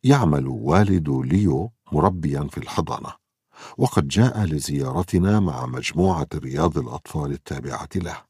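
Deep, husky male storybook narrator. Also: lively intonation, fairly quick, darkish tone, no echo, clean studio sound. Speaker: audiobook narrator.

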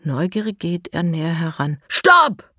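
A woman's voice: on the low side, normal speed, dry recording, clean studio sound. Woman reading a children's story. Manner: clear, even reading aloud. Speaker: narrator. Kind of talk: scripted storybook narration.

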